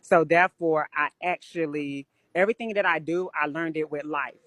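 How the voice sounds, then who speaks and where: Casually chatting on a live stream, a woman spins blunt stories full of swearing into a phone or webcam. Her voice sits low with a fairly bright tone, her pace is moderate, and there's no room sound.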